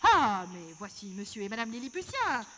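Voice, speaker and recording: A woman's voice: fairly high pitch, sing-song, normal speed, pushed and bright, a little hiss or hum. A woman voicing a fussy male turkey who hosts a karaoke show, showy and bossy. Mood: hosting.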